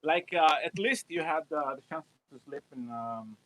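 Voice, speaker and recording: Over a loud crowd and a rough recording, this Italian man, a guitarist, talks at a moderate pace in a slightly high voice. It's a loose livestream chat full of rambling, laughter and self-mockery.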